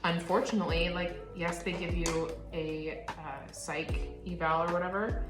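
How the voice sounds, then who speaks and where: Woman, low-pitched, casual makeup chat, candid, filler-heavy, echoey room, background music. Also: flat delivery, moderate pace. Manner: candid, chatty, lots of "like" fillers. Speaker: co-host, post-op.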